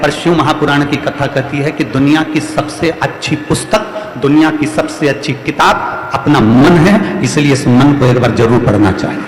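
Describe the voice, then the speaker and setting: A man's voice: on the high side, fairly bright tone, slight background noise. Emphatic male preacher in an echoing hall. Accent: Hindi, Madhya Pradesh. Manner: repetitive, emphatic, rhetorical preaching. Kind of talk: devotional sermon to a crowd. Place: large outdoor religious gathering. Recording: echoey hall, long reverb, faint music.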